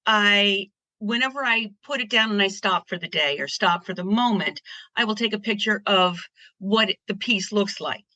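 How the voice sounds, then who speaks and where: A woman's voice: medium pitch, moderate pace, bright, forceful tone, dry recording. A woman from Pennsylvania chatting as an interview guest, upbeat and rambling with restarts. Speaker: guest artist. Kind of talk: casual interview chat.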